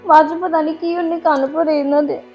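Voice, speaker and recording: A woman's voice: sits high, flat delivery, brisk, dull audio, faint music behind, lightly acted. A woman playing an unhappy young married daughter with a Punjabi accent, complaining to her mother. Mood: complaining, tearful. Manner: complaining, pleading. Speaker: daughter on the phone. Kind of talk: family drama acting.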